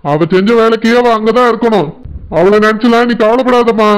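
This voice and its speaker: A man's voice: very high voice, a little fast, clean tone, rough recording. A man voicing a stern, angry middle-aged village father who lectures indignantly with a Tirunelveli Tamil accent. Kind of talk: cartoon voice acting.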